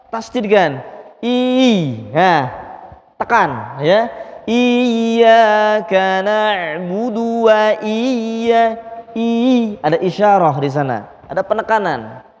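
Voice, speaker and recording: Patient recitation teacher, a man with a high voice who drills sounds slowly, heard with a reverberant hall. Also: animated, highs cut off. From Indonesia. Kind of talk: Quran recitation lesson.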